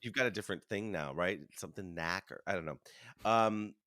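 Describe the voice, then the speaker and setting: A man in his thirties, a Broadway performer talking as an interview guest, telling animated stories and chewing food as he talks. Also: sits low, a little fast, no room sound, clean studio sound. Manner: animated storytelling, acts out voices, chuckles. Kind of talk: casual conversational interview.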